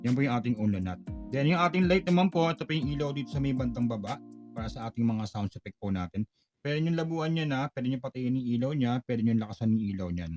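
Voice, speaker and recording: A man giving a product walkthrough tutorial, polite and explanatory, pausing now and then on fillers. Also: mid-range voice, expressive, darkish tone, soft background music. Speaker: product demonstrator.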